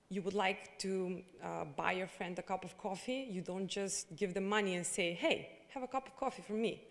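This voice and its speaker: A woman's voice: mid-range voice, creaky. A woman giving a hesitant speech at a live corporate event, with many fillers and restarts. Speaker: bank representative. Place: event hall. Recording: long hall reverb.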